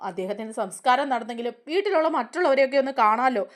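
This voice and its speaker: A woman's voice: fairly high pitch, animated, very fast, lightly acted. A woman voicing a determined mother who firmly questions and insists.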